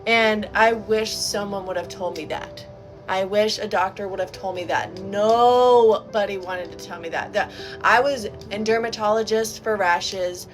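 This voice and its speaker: A woman's voice: medium pitch, steady tone, unhurried, faint music behind. A young adult woman sharing a personal story in a candid, chatty, informal way, like a casual video to camera.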